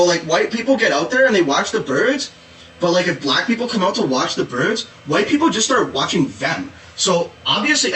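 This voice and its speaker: A man's voice: on the high side, bright, forceful tone, far from the mic, slight background noise. Guy putting on a whiny valley-talk activist, like duh, voice jumping all over, echoey room and a bit off mic. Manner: valley-speak with constant "like" and "duh", sarcastic. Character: exasperated valley-talk activist, preachy, man. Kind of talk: satirical character monologue.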